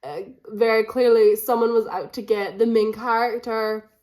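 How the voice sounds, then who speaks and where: Her voice a little high and darkish, with a steady tone at normal speed, a book vlogger chats casually to camera for a reading vlog. She's a bit run down with a cold and repeats phrases for emphasis, recorded in an echoey room with faint background noise.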